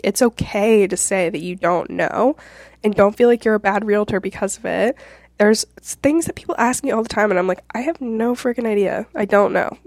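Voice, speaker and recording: A woman's voice: medium pitch, no echo, clean studio sound. A woman with a congested, nasal voice hosting a casual solo advice podcast, speaking in an informal, rambling and reassuring way. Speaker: podcast host; realtor.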